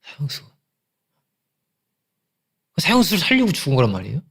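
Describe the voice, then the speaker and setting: Man, pastor, sermon, gravelly fry, slightly high voice, repeats phrases for emphasis. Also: wildly swooping pitch, a little fast, a bit bright.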